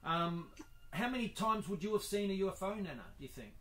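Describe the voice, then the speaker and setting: Australian man, slightly high voice. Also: lively intonation, a little fast, fairly bright tone. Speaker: interviewer, grandson. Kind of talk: casual family interview.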